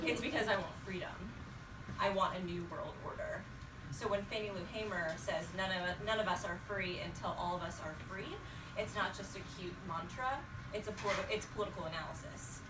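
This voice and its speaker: A woman from North Carolina giving prepared remarks as a panel speaker to a group. She speaks in a direct, impassioned way with frequent "um" fillers. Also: medium pitch. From North Carolina, USA. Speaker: panel speaker at an organizing event. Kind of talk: prepared speech delivered to a group. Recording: roomy, distant mic, clear background noise.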